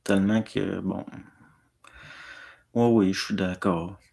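A man's voice: low-pitched, fairly even intonation, takes it slowly, creaky, a little mellow, husky. A man with a Quebec French accent, rambling casually as he answers viewers and tacks a drawled "là" onto his phrases. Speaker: host.

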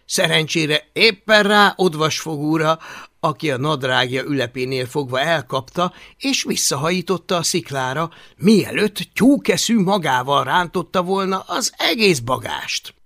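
A man narrating an audiobook in an expressive storytelling manner. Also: fairly high pitch. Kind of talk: scripted narration.

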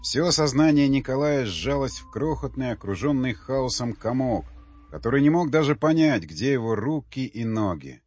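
A male audiobook narrator reading in a tense, dramatic way. His mid-pitched voice has a husky edge and sounds dry and close. The audio is dull and lo-fi, with faint music underneath. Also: expressive, normal speed, a little mellow, no echo. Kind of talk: scripted narration.

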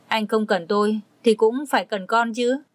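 A woman's voice: fairly high pitch, steady tone, moderate pace, dry recording, close to an everyday voice. Sulky pregnant young wife, accusing tone, dry close read by a woman storyteller.

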